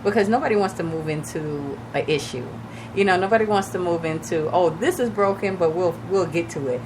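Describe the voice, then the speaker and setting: In a radio studio, a woman talks casually and briskly about real estate, giving listeners direct advice with plenty of fillers. Her fairly low, raspy voice is a little shaky because she is recovering from losing it, and a clear layer of noise sits behind the broadcast.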